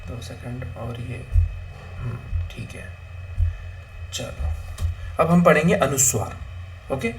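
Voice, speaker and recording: A man's voice: medium pitch, slow pace, pauses often, slight background noise. A young man teaching an exam-prep Hindi grammar lesson, asking and answering his own questions and mixing English words into Hindi.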